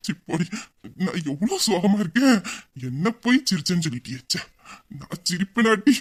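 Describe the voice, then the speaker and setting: A playful young husband , as a man acts him out in an audio drama, teasing his wife in a fairly high voice. He plays up a mock-sad, smug manner. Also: very animated, a little fast. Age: young adult.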